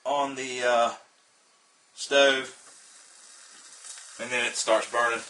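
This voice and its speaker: A man with a Southern US drawl walks through a casual how-to demo in a relaxed, meandering way, dropping uh and um between thoughts. His voice has a bright, forward edge, and a little faint noise sits under it. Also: medium pitch, takes it slowly. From Southern United States. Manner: relaxed and rambling, with frequent uh and um fillers. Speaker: outdoor gear hobbyist demonstrating a stove.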